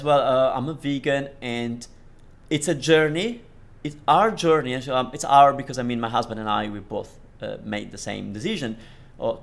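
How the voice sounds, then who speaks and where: A man from Italy teaches Italian in a language lesson commentary, explaining phrases while switching between English and Italian. He restarts and uses fillers, and his medium-pitched voice is creaky.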